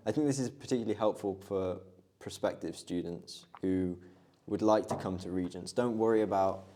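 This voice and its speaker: A man's voice: sits low, moderate pace, dark tone. A young man co-hosting a student podcast in casual chat, giggly and occasionally stumbling over his words. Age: young adult. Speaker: podcast co-host.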